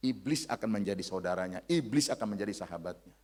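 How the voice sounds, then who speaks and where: A man in his thirties preaching a sermon in a church, forceful, dropping to hushed lines and rising to shouted ones. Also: fairly low pitch, animated, quick pace. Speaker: pastor. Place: church sanctuary.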